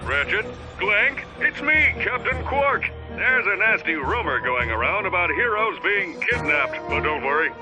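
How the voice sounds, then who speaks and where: A man's voice: high voice, very animated, unhurried. A man voicing a pompous, oblivious superhero captain in a video game, bombastic and breezy, heard through a dull comm link with music. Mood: breezy, boastful. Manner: bombastic, self-important, breezy. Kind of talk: cartoonish video game acting. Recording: dull radio-like sound, music behind.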